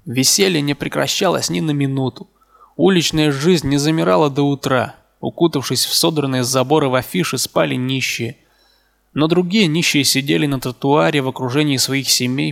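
A man narrating a literary novel as an audiobook in a calm, measured way, with a gravelly voice. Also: mid-range voice.

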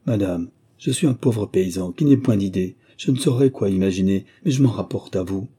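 Humble peasant father in a storybook, deferential and pleading, dark husky tone, voiced by the male narrator. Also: deep voice, moderate pace.

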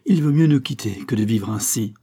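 A man's voice: lowish voice, expressive, brisk, dark tone, husky. A frightened pleading young woman, as a man puts her on. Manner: pleading, fearful.

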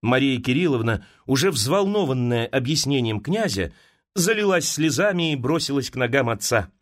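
A man from Russia reading a classic novel aloud as an audiobook narrator, dramatic and expressive. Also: mid-range voice, moderate pace. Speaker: audiobook reader.

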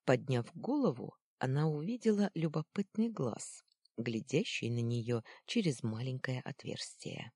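A woman narrates a children's storybook with a husky, slightly breathy voice. Her pitch swings widely as she acts out the dialogue. The recording is dry and close, with no room sound. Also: sing-song, a little slow, a little mellow, no echo. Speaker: audiobook narrator.

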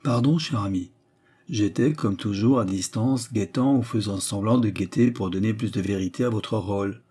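A man with a fairly low, warm, husky voice reads aloud at a moderate pace, voicing a middle-aged, scheming noblewoman adventuress. Insistent and menacing yet persuasive, the character frightens her young companion with feigned sweetness.

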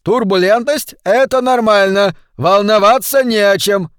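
A man voicing a colony governor who shouts reassurance to his passengers in a storybook reading. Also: high voice, normal speed, clean tone, dry recording, studio quality, pitched above the performer's own voice. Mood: shouting reassurance. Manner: shouting over noise.

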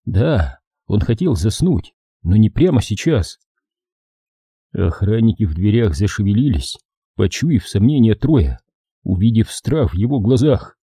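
A man reading an audiobook as narrator, in a steady, measured voice. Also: on the low side, breathy edge, dry recording, studio quality. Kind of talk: scripted narration.

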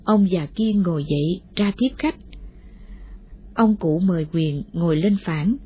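Woman narrating a story in a husky voice. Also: lowish voice, measured pace. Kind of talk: scripted audiobook narration. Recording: muffled lo-fi audio.

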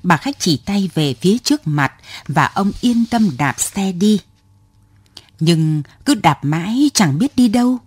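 A woman narrating an audio story in a calm, measured way. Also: medium pitch, breathy edge.

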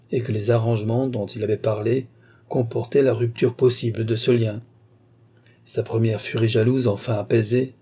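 A man reading a literary novel aloud in a measured, steady manner. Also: medium pitch, breathy edge. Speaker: audiobook reader. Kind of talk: scripted literary narration.

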